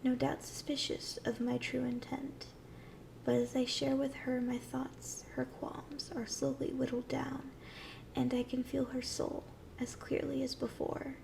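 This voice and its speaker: A woman voices a gentle, ancient tree dryad in a tender fantasy ASMR roleplay, using a high, very creaky voice at a slow, soothing pace. She speaks softly and breathily, often close to a whisper, with a completely flat delivery and a dreamy, tender mood, staying fully in character. The low-quality recording has slight background noise.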